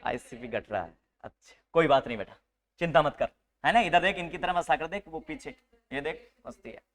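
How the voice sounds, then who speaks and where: A man teaching a live nursing class to a room of students, lively and teasing, mixing English medical terms into his speech. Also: on the high side, fairly quick. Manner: animated, teasing, mixes Hindi with English terms.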